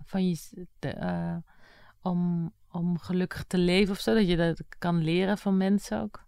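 A woman in her thirties, a guest on a talk show, answering in a halting, hesitant way with many restarts. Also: fairly low pitch, fairly even intonation, gravelly, dark tone, clean tone, no room sound, studio quality. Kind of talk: casual interview.

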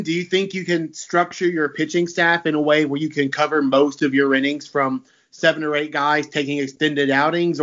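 Male sports reporter asking long detailed questions, slightly high voice, muffled lo-fi audio. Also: fairly bright tone. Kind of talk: press interview questions, long and carefully worded.

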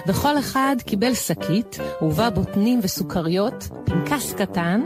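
A woman radio host reading a children's story aloud with clear, expressive storytelling. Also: mid-range voice. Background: music.

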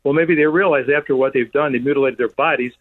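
A man calling in to a radio show on a speakerphone from his office, ranting in a rapid, heated way. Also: mid-range voice. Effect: calling in on a speakerphone over a phone line. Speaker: radio call-in caller. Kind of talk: call-in talk radio. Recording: tinny speakerphone line.

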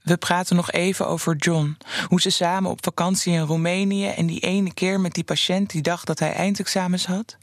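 A narrator reading a written story in a calm, measured way. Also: mid-range voice, no room sound, clean studio sound.

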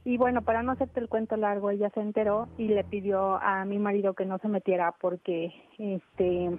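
A woman calling in to a radio show over a phone line, talking casually and hesitantly, often restarting and repeating words. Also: mid-range voice. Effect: heard over a phone line. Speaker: radio call-in caller. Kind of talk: casual call-in chat. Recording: tinny phone line with faint music.

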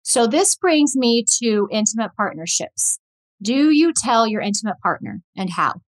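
A woman's voice: fairly high pitch, very animated, measured pace, no echo, rough recording. A middle-aged woman hosting a podcast, telling a personal story and giving direct, earnest advice to listeners she calls friends. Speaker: podcast host.

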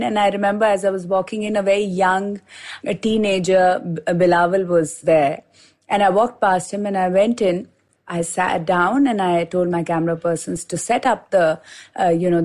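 A middle-aged woman from India, a journalist hosting a podcast, recounting a personal story with lively quoted dialogue. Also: medium pitch. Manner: animated retelling with quoted dialogue.

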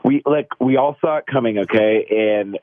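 A man calling in to a radio show, chatting casually in a halting, defensive way. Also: medium pitch, no echo. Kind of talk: casual conversation on air. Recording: dull band-limited phone line.

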